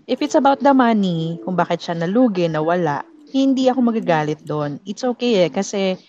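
A woman's voice: medium pitch, animated, brisk, mellow. A woman hosting a casual talk show, chatting freely and mixing Tagalog with English. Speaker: podcast host. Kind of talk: casual chat. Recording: muffled lo-fi sound.

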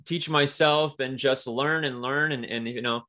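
A man's voice: mid-range voice, steady tone, measured pace, bright, forceful tone. A man guesting on an interview, talking about his work as a comic writer in a casual, rambling way with many fillers. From Mexico–US border region.

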